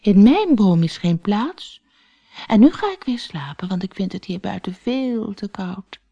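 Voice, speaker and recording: A woman's voice: medium pitch, sing-song, a little slow, mellow, lo-fi sound, voice pushed up. A woman voicing a sleepy, forgetful male squirrel in a storybook, drowsy and hesitant.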